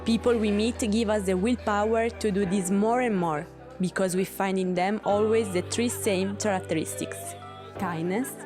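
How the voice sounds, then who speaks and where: A woman, narrating a travel vlog voice-over in an earnest, steady way. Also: mid-range voice, normal speed. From Italy. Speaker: travel vlogger. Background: music.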